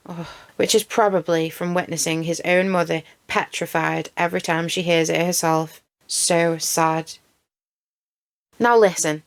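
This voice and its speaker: A woman's voice: lowish voice, clean tone. A woman hosting a true crime channel, recapping a case with outraged, emphatic commentary and swearing.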